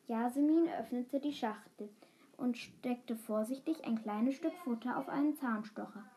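A woman reading a children's book aloud, unhurried, with small slips and fillers. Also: fairly high pitch, dark tone, a little hiss or hum. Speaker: reader.

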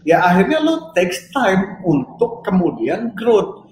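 A man speaks in a slightly high voice over an online call that keeps breaking up. He talks loosely and slips English words into his speech. The audio echoes around the room, with faint noise underneath. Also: big pitch swings, slow pace. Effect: choppy, breaking-up online call audio. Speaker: business guest. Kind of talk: casual podcast chat.

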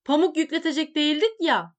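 A woman voicing an angry, scornful male servant in a read-aloud story, shouting and scolding. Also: high-pitched, quick pace, lightly acted.

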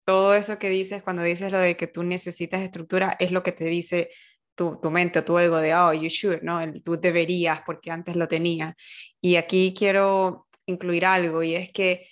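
A woman with a slightly low voice talks in an easygoing conversation. She thinks as she goes, pausing on fillers to find her words. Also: level tone. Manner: thoughtful, searches for words with fillers. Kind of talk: casual conversational chat. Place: working from home.

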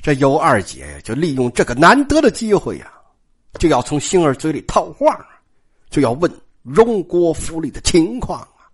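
Lively male folk storyteller. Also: a little high, moderate pace, husky. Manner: lively, colloquial, joking asides. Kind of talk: traditional oral storytelling.

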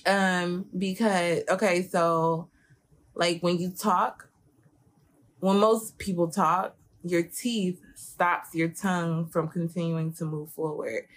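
A young woman with a slight lisp talks in a relaxed, chatty way, filling her sentences with "like" and "um". Her voice sits on the low side for a woman. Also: takes it slowly. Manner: chatty, lots of fillers. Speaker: co-host. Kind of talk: casual couple chat.

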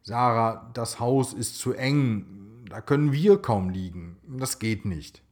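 A man's voice: medium pitch, expressive, takes it slowly, darkish tone. A man telling a children's story, voicing an impatient, whiny young boy. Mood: grumbling. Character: young boy, grumpy and hungry.

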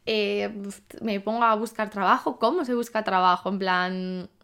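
A woman's voice: medium pitch, steady tone, moderate pace, fairly bright tone, clean tone. A woman in her twenties from Spain, hosting a podcast and talking casually about her life, thinking aloud with many fillers and questions to herself. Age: 20s. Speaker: podcast host. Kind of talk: casual monologue.

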